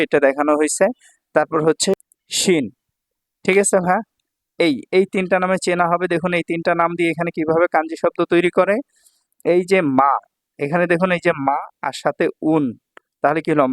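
A man's voice: on the high side, no echo, clean studio sound. A man from Bangladesh teaching kanji in a patient, repetitive way, often checking that his students follow. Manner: patient, repeats words and checks understanding. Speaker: Japanese language teacher. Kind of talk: kanji lesson explanation. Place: Dhaka language center.

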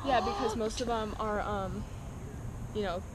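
A woman's voice: medium pitch, fairly even intonation, unhurried. A teenage girl chatting casually with a friend as they walk around town, giggly and chiming in. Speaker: friend of the vlogger. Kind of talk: casual chat. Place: outdoors on town streets. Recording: noisy outdoor street sound.

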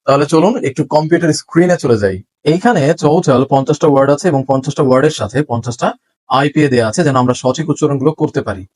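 A man teaching English pronunciation in a lesson, saying each word slowly and clearly twice so learners can repeat it. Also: on the high side, a little mellow, low-quality recording. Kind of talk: spoken language lesson.

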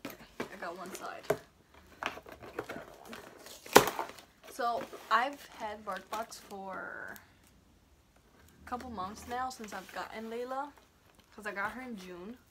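A woman's voice: medium pitch, unhurried, long pauses. A young woman chatting casually as she unboxes a package, rambling and trailing off mid-sentence. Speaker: vlogger. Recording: noisy home recording.

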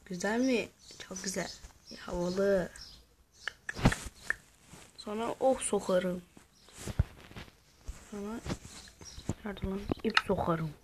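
A woman giving casual let's-play commentary, swearing a lot, scolding the creatures in the game and breaking into loud excited shouts. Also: medium pitch, slow pace, pauses often. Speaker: gamer. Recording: noisy home recording.

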